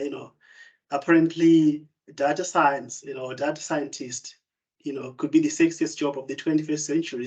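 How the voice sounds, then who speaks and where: This young man, a student from Zimbabwe, presents at an online open day via video call, stumbling through many fillers and restarts. His medium-pitched voice is a little mellow, captured in low-quality audio.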